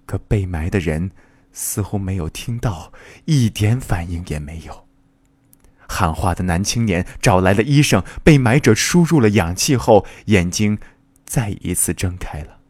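A man's voice: deep voice, animated, a little slow, a little mellow, breathy edge, no echo. A man reading a short story aloud in an earnest, dramatic way. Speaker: reader.

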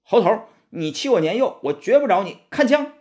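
A man voicing an arrogant, fiery child demon king in a storybook reading, shouting and defiant. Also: on the high side, big pitch swings, brisk, pitched above the performer's own voice. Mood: furious.

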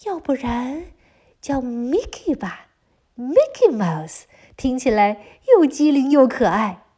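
A woman's voice: high-pitched, very animated, slow pace, dark tone, husky, exaggerated voice. A woman storyteller voicing a fussy, opinionated wife who exclaims emphatically in a children's story. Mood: dismissive, then pleased. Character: fussy, opinionated wife choosing a cute name.

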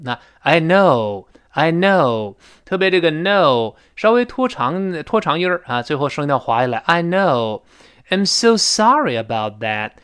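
A man teaching English pronunciation in a recorded audio lesson. He explains intonation and demonstrates the sounds as he goes. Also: a little high.

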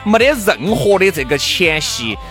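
A high-voiced man with a Sichuanese accent hosts casual radio banter. He teases and exclaims with big swings in pitch, in a bright, forceful tone over light music. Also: sing-song, normal speed. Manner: teasing, jokey, exclamatory. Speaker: radio talk show co-host. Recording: music bed behind the voice.

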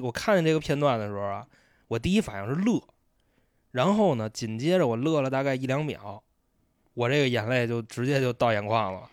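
Male co-host, relaxed quippy chat, mid pitch, dry mic. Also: no room sound. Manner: easygoing, chimes in with quips. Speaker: podcast co-host. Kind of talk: casual chat.

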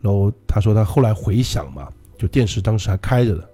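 Fast-talking man with a husky voice. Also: on the low side, lively intonation, mellow, soft background music. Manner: chatty, laughs often, retells stories loosely. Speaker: podcast co-host. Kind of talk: casual chat, retelling listener horror stories.

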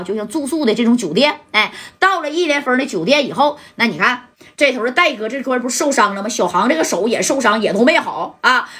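A woman spins a gangland yarn in lively oral storytelling. Her voice is bright and forceful and sits a little high, and she jumps in pitch whenever she acts out a character.

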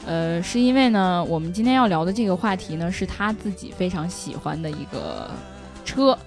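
A woman's voice: lowish voice, very animated, moderate pace, darkish tone, soft background music. A woman hosting a podcast in casual chat, often doubling up short words of agreement. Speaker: podcast host.

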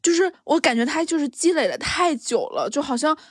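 A woman chatting on a podcast, telling an animated story, laughing often and acting out what people said. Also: high voice, a little fast, dry recording, clean studio sound. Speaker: podcast co-host. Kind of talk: casual chat, storytelling.

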